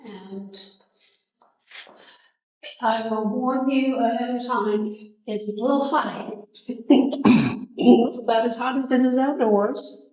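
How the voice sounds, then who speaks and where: A woman museum guide explaining to visitors, soft-spoken and unhurried, her voice a bit worn. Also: fairly high pitch, reverberant, big-room sound, rough recording. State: losing her voice. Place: museum observatory room.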